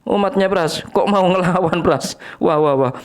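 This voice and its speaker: A man's voice: moderate pace, darkish tone, smooth, close to an everyday voice. A man doing a whiny, preachy scold. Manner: high, whiny, scolding sing-song. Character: preachy man scolding people to stay meek.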